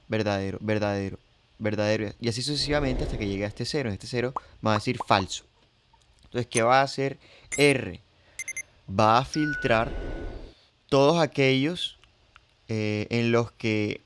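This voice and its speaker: A man teaching a coding tutorial over his screen, explaining each step, repeating phrases and thinking aloud with fillers. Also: medium pitch. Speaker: R programming instructor.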